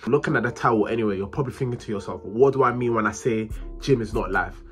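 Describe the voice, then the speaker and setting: A young man talking casually to camera in a small room, animated and full of slang. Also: medium pitch, fast talker, faint music behind. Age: young adult. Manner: animated, slangy, hands moving while talking. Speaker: vlogger. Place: small bedroom, indoors.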